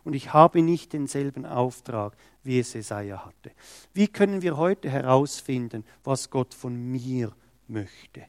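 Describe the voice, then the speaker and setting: A man's voice: mid-range voice, expressive, dry recording. A man preaching a sermon, reading scripture and stressing quoted words with emphasis. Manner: slow, emphatic, acts out quoted speech.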